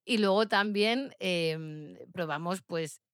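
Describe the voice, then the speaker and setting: Lively woman, dry close sound. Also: on the low side, clean tone, dry recording. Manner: lively, self-mocking, quick asides with laughs. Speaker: dog trainer presenting her AI project. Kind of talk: casual spoken monologue.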